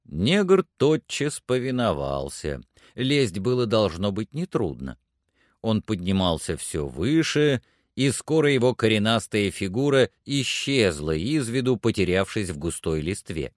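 Male narrator reading a story, slow and animated, very dry close sound. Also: fairly low pitch, dry recording. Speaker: audiobook narrator. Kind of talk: scripted narration.

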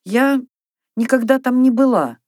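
Woman voicing a timid bookish girl, soft-spoken, raised voice, dry sound. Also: high voice, unhurried, no room sound, pitched above the performer's own voice. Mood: shy. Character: shy quiet bookish young girl.

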